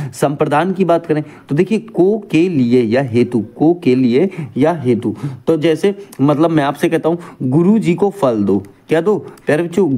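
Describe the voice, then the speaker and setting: Lively Hindi exam-prep teacher, man. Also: on the high side. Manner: repeats each point as a question to students; calls students "dear children".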